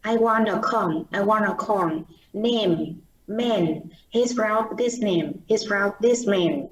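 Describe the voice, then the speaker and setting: A woman's voice: medium pitch, slow pace. A woman teaching pronunciation, patiently explaining errors and repeating words as models. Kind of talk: online class feedback, mixing Vietnamese and English. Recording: roomy, distant mic with faint noise.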